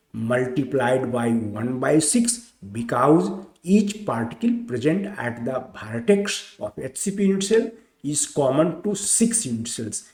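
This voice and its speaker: A man teaching chemistry in a slow, deliberate lecture, repeating each point step by step. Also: medium pitch, a little mellow, reverberant.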